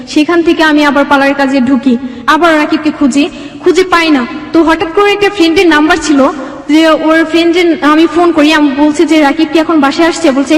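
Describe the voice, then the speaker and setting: Recorded in a reverberant room with hall-like echo, a high-pitched young Bangladeshi woman rambles through her life story as an interview guest, quoting dialogue as she goes.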